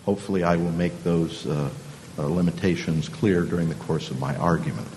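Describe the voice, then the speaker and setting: A man arguing formally as a lawyer before a court, deliberate and halting with frequent hesitations. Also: fairly even intonation, a little mellow. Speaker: appellant's lawyer. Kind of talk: formal oral argument to a court. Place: large conference hall. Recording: reverberant hall, faint rumble.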